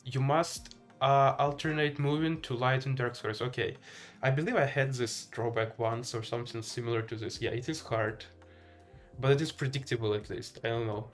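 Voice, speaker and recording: A Ukrainian man with a Ukrainian accent live-streams chess, offering casual commentary and chatting with viewers as he hesitantly thinks aloud. His medium-pitched voice is steady at a moderate pace, with soft music in the background.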